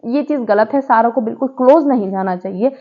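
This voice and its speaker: A woman's voice: fairly high pitch, brisk. Chatty opinionated woman, lo-fi. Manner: chatty, opinionated, mixes English words in. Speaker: show reviewer. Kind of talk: casual spoken review.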